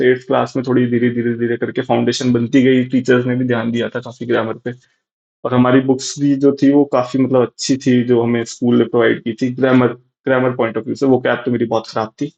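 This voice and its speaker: A man's voice: mid-range voice, darkish tone. A young man giving casual, rambling exam advice, full of fillers and restarts. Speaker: exam prep youtuber. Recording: slightly dull lo-fi audio.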